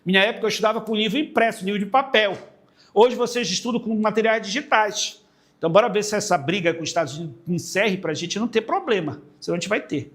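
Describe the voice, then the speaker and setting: Brazilian teacher guy, middle-aged, highish voice, asks and answers his own questions, chatty class vibe. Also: lively intonation, fast talker, a bit bright. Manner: casual classroom tone, addresses students directly. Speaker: literature teacher. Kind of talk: exam-prep video lesson.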